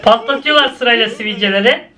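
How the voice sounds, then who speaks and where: A young man reacts to cartoon clips with casual commentary, often exclaiming and laughing. His voice is brisk and sharp-toned, swinging between high and low.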